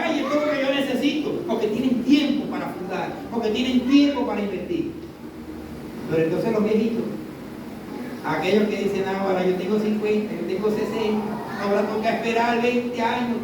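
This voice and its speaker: A man preaches with an emphatic pastor's delivery and keeps urging his listeners to pay attention. His voice sits high, and it rings through a very echoey church hall. He stands well away from the mic, with clear noise behind him. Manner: emphatic, repeats "escuche bien" to the congregation. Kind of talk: sermon. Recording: echoey church room from far off, noisy.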